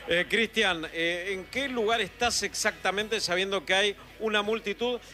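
A man's voice: high voice, moderate pace, sharp tone. A man hosting a live radio broadcast, talking conversationally to a reporter in the field. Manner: conversational, addresses reporter by name. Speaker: studio radio host.

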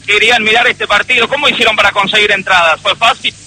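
A man's voice: high voice, fairly even intonation, sharp tone, rough recording. A man with an Argentine accent doing upbeat fan interviews as a radio field reporter outside a stadium. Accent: Argentine Spanish. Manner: upbeat, quick interviewer questions.

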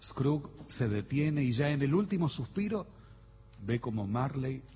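Un hombre que narra una historia de forma dramática, como narrador de un guion. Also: male voice, mid-range voice, sing-song, measured pace, mellow, a little hiss or hum. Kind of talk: dramatic scripted narration. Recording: echoey, long reverb, muffled lo-fi.

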